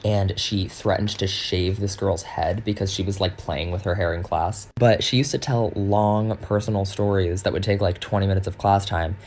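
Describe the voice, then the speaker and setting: A man's voice: low voice, steady tone, moderate pace, few pauses, darkish tone, slight background noise. A man telling a school story in a casual, matter-of-fact way with many "like" fillers. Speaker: TikTok creator.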